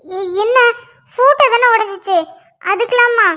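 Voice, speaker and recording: A woman's voice: very high voice, normal speed, pushed and bright. A woman voicing a middle-aged mother who coaxes and reassures her daughter in a cartoon. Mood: soothing. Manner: reassuring, coaxing. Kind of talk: cartoon voice acting.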